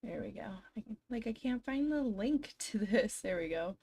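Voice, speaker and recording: With a fairly high, darkish voice and lively intonation, a young woman streamer talks at a moderate pace to viewers from home. She's hoarse, a bit scratchy and froggy, after being sick, and she's chatty, giggles often, and speaks to her chat in this casual live stream. Her microphone sits on her desk.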